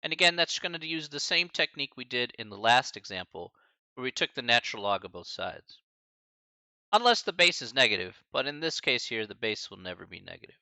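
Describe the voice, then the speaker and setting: A college math instructor in his early forties teaches a live-streamed lecture, chatting with viewers between steps and laughing often. His mid-range voice is a little fast and creaky, recorded with no echo, and he's lively with chatty asides to the chat.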